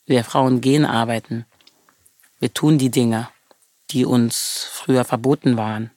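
A woman's voice: very deep voice, steady tone, a little slow, dark tone, no room sound. A woman from Germany, talking as an interview guest in an earnest, passionate way, stressing points by repeating words.

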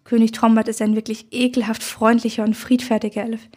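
A grumpy male troll king barks orders and scolds his warrior, as a woman reader puts him on. The voice is husky and dark, pitched a little high, with a gruff, irritable edge, like a storybook character read aloud. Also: little pitch movement, brisk. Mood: gruff scolding. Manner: growling, scolding.

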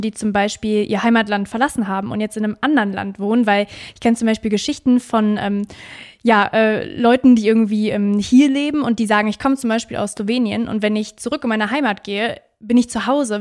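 Woman, podcast host, fairly high voice, friendly, chatty. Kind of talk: conversational podcast hosting.

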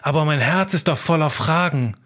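A man's voice: fairly high pitch, moderate pace, fairly bright tone, close to an everyday voice. A man voicing an anxious, insecure scribe who feels he is an impostor, talking in a fretful, pleading way. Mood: anxious, doubting. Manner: fretful, self-doubting, pleading. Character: anxious insecure male scribe posing as abbot.

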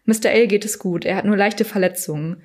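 A woman reading the lines of a cheerful, reassuring female nurse in a storybook, brisk and soothing. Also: medium pitch, natural voice.

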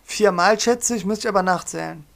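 A young man co-hosting a podcast, telling a story in a lively, joking way and acting out quotes. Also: sits high, brisk, gravelly. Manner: animated storyteller, acts out quotes, laughs often. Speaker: podcast co-host. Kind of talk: casual storytelling chat.

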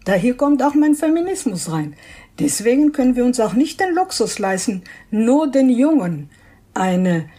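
Earnest older woman, husky, mellow. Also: fairly high pitch, very animated, moderate pace. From Israel. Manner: earnest, searching for words with restarts. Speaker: interview guest, prayer leader. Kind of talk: thoughtful interview answers.

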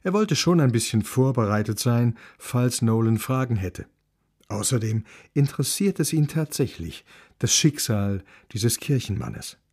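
A man in scripted audiobook narration, reading in a calm, steady storytelling voice. His pitch sits in an ordinary male middle range. The delivery is even and unhurried. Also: slightly rough.

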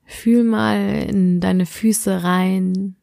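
A woman narrating a soothing sleep meditation like a bedtime guide, in a gentle, unhurried manner with drawn-out phrases. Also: mid-range voice, fairly even intonation, creaky, no echo, clean studio sound. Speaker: podcast host and meditation guide.

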